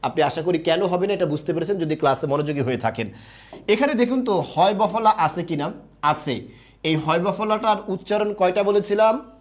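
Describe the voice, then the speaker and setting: A young man teaching a live online class in a fairly high voice. He poses a question, answers it himself right away, and reads viewers' comments aloud. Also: lively intonation, a little fast.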